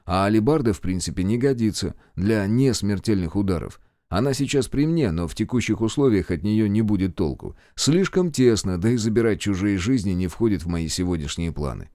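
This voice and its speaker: A man narrating a fantasy audiobook with a low, warm voice that rises and falls a great deal. His storytelling is expressive and wry, recorded close and dry with no room sound. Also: brisk, hardly any pauses, no room sound.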